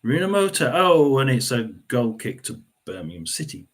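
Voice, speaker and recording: A middle-aged man hosting a football watchalong, chatting casually with many fillers and frequent throat clearing. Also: mid-range voice, sing-song, moderate pace. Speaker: watchalong host. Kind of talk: casual live football commentary.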